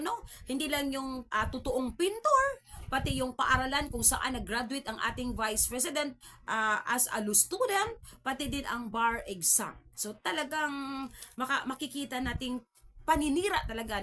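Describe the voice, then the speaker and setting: A Filipina vlog host offers casual political commentary in a chatty way, full of tag questions and mocking laughs. Her voice is on the high side, pushed and bright.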